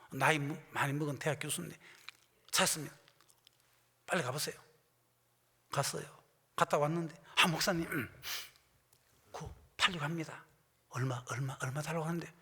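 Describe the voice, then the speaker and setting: A man preaching as a pastor, telling a story and acting out the voices of the people in it, swinging from loud bursts to hushed asides. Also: a little high, husky. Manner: storytelling, acting out both sides of conversations. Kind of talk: sermon with anecdote and quoted dialogue. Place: church sanctuary. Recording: long church hall reverb.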